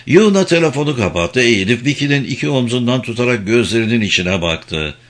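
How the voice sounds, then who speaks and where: Man, audiobook narrator, scripted narration, lively intonation, dramatic. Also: mid-range voice, brisk. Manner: dramatic, expressive reading.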